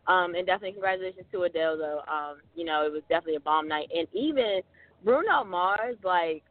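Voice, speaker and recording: A man with a high voice co-hosts a podcast in casual, animated chat and leans on "like" as he talks. The sound is dry and thin, like a phone line. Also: no echo. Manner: animated, talks fast with many "like" fillers. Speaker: podcast co-host.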